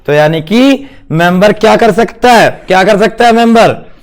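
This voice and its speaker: High-voiced man teaching a class. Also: lively intonation, measured pace. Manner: playful, quizzing students, mixes in English terms. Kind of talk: classroom lecture. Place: classroom with students.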